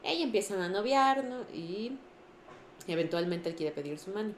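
A woman with a Mexican accent retelling a novel's plot in casual, animated chat, full of fillers. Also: mid-range voice, normal speed. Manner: animated, laughs often, lots of fillers. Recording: echoey room with faint noise.

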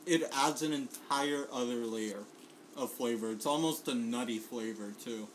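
A man from Puerto Rico talks through the dishes in an easy, chatty way. He swears freely and leans on ums and short laughs, at a middling pitch. A faint room hum sits under his voice. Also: normal speed, poor audio. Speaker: guest bringing food. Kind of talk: casual food tasting chat.

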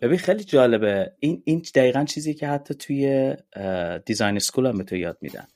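A podcast guest, eagerly explaining ideas in casual conversation and mixing in English terms. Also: male voice, medium pitch, animated, darkish tone.

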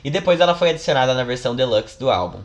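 A man's voice: medium pitch, animated, rapid-fire. A man co-hosting a music podcast. He reads out the new releases in an easy, chatty way. He keeps dropping in jokey asides. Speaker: podcast co-host. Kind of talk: casual music chat.

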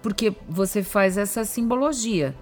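Woman, Brazilian Portuguese accent, podcast co-host, curious, animated, mid-pitched, faint music behind. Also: a little slow. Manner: curious, animated, interjects often. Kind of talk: casual conversational chat.

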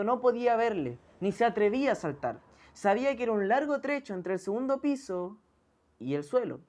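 A woman's voice: fairly high pitch, darkish tone. A woman preaching an earnest sermon, often calling her listeners brother.

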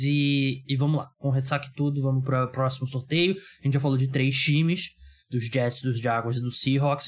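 A Brazilian man hosting a sports podcast in casual, joking, self-deprecating chat. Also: mid-range voice. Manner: informal, jokey, self-deprecating. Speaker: podcast host.

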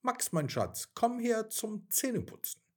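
A man voicing a gentle, playful mother coaxing her child to bed, in a coaxing singsong. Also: sits high, very animated, unhurried, breathy edge, voice pushed up, exaggerated voice.

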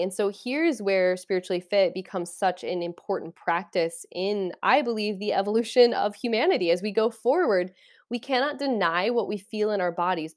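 A woman coach talks casually on her podcast, her enthusiasm showing as she wanders from one thought to the next. Her voice sits at an average pitch, and her delivery is warm-hearted but loose, like a chat with a friend. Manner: enthusiastic, meandering, conversational. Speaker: podcast host and life coach. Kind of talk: casual spiritual talk.

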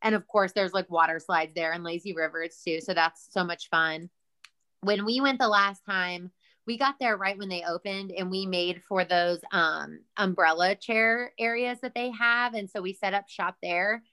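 A young woman joins as a guest, speaking candidly with real enthusiasm. Her voice is bright and smooth. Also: mid-range voice, normal speed. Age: young adult. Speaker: podcast guest. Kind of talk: casual chat.

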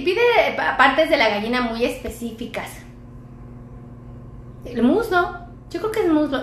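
A middle-aged Mexican woman doctor talks casually on a live stream in a playful, chatty way. Her voice sits high and bright. The room is echoey, with a faint hum of background noise. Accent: Mexican Spanish. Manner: chatty, playful, laughs often. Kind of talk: casual live-stream chat reading viewer comments.

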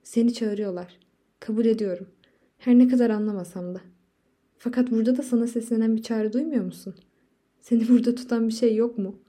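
Woman reading a fierce, tearful wife, insistent, deep mellow voice. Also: fairly even intonation, fairly quick, husky. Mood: hurt.

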